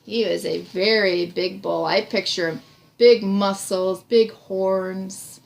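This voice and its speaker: In a small indoor room, a woman in her thirties reads a child a picture book, pausing to encourage, explain and ask questions. She takes it slowly, with a gravelly, medium-pitched voice and fairly even intonation. The noisy home recording picks up room ambience.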